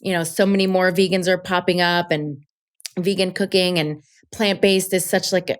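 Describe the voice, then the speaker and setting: Upbeat female podcast guest, slightly low pitch, casual and chatty. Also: level tone, normal speed. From Colombia. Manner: chatty, upbeat storyteller with fillers. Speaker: podcast guest, travel show creator. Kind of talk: casual interview chat.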